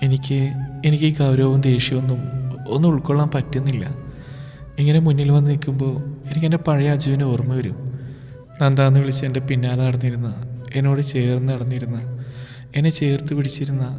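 A man voicing a sad young woman who speaks quietly and pleadingly. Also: mid-range voice, level tone, brisk, long pauses, long reverb tail, soft background music, lightly acted. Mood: wistful. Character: sad soft-spoken young woman, bride.

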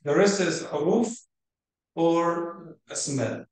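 Slow, patient man teaching in an echoey room. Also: fairly high pitch. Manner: explains patiently, mixing English and Arabic. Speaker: Arabic teacher. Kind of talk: grammar lesson.

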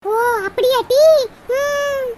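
A woman voicing a bossy, blunt village woman neighbor in a cartoon, speaking with a southern Tamil Tirunelveli accent in a loud, teasing, scolding way. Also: very high voice, fairly even intonation, takes it slowly. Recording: loud background noise.

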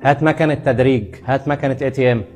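A man playing a fast-talking joker barber. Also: medium pitch, steady tone, darkish tone, soft background music, close to an everyday voice. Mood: teasing. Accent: Egyptian Arabic. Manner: teasing, bantering, rapid-fire jokes at customers. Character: cheeky joking neighborhood barber, adult man. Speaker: actor. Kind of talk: comedy sketch.

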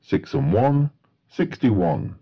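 Slow, gravelly male bingo caller. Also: medium pitch, very animated, highs cut off. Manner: formulaic, matter-of-fact bingo caller delivery. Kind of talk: bingo calling, each number announced in a set phrase.

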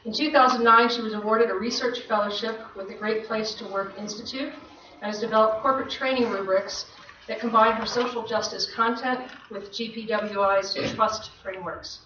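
A woman's voice: a little high, fairly even intonation, normal speed. A woman hosting an event reads out a formal speaker introduction. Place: large, full seminar room. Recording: echoey, noisy, distant, slightly muffled room recording.

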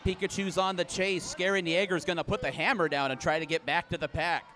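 Excitable man calling live play-by-play. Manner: brisk calls that jump up in pitch and volume on big plays. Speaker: play-by-play commentator. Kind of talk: live sports commentary.

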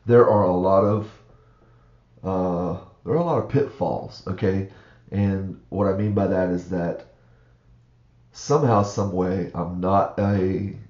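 With a low, dark, groggy morning voice that sounds froggy, this online reseller vlogger wanders through a casual screen-share walkthrough, full of fillers. The recording is muffled, in an echoey room.

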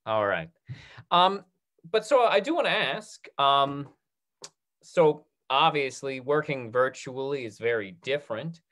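Over a video call mic, a man in his thirties hosts a casual question-and-answer panel. His voice is slightly high with a fairly bright tone.

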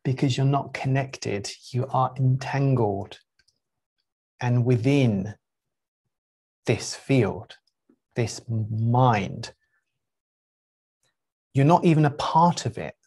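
A middle-aged man, a spiritual teacher, speaking to a group in an unhurried, reflective way with frequent pauses and 'um's. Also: mid-range voice, a little mellow, breathy edge.

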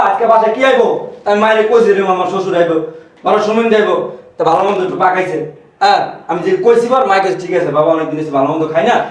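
Man as angry young husband, quick and high, very echoey room far off. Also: close to an everyday voice. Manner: indignant, demanding repeated questions. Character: angry young husband defending his sick mother. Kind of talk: amateur short-film acting.

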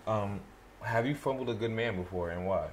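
A man's voice: on the low side, normal speed, heavy background noise. A man in his thirties hosting a podcast with casual, teasing, challenging interview banter. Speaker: podcast host. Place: small studio set on a couch, indoors. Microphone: clip-on lapel mic.

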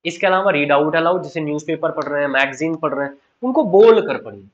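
A man's voice: fairly high pitch, a little fast. A man with an Indian accent teaching a spoken English class, earnest and encouraging, repeating his key points. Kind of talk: online class lecture mixing Hindi and English. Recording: slightly dull lo-fi sound.

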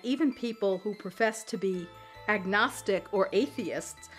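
A woman's voice: mid-range voice, measured pace, faint music behind. Woman recounting a story in interview. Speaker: documentary interviewee. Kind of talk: interview recollection.

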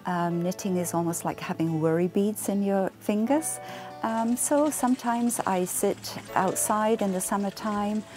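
A woman in her sixties with an English accent, a fibre artist speaking reflectively in a documentary interview, pausing often with ums. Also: mid-range voice. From England. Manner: reflective, soft-spoken, many ums and uhs. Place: home craft room. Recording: soft music underneath.

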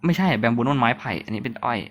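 A man's voice: mid-range voice, very fast, lo-fi sound. A young man casually commenting as he plays a survival game, chatty and jokey, with startled little yelps and running self-talk. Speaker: gaming channel host. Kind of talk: casual let's-play commentary.

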